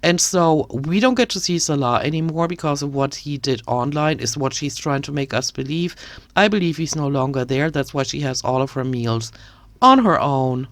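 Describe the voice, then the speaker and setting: Speaking at normal speed in a deep voice, a woman offers indignant, ranting criticism of another creator on her commentary channel. There's no room sound in the recording.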